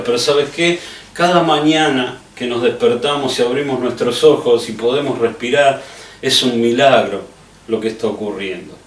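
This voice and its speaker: A middle-aged man with a Rioplatense Spanish accent delivers a conversational sermon at medium pitch, speaking earnestly and directly to the listener and posing rhetorical questions. The room is echoey and the microphone sits at a distance.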